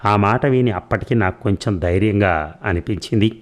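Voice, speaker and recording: A man reading an audiobook story aloud in a measured, even storytelling manner. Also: lowish voice. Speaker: audiobook narrator. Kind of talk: scripted audiobook narration.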